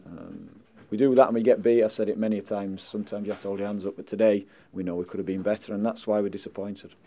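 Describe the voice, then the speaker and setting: A middle-aged football manager fields post-match press questions indoors in front of a sponsor board, speaking into handheld mics held close. He's measured and blunt, often dropping "listen" and "um," and his voice is on the low side, steady, and dark.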